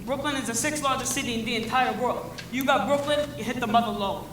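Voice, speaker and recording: A woman's voice: on the high side, fast, close to an everyday voice. A young woman on a school stage playing a cocky teenage newsboy leader with brash street slang. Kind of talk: school stage musical acting. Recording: echoey hall with noise.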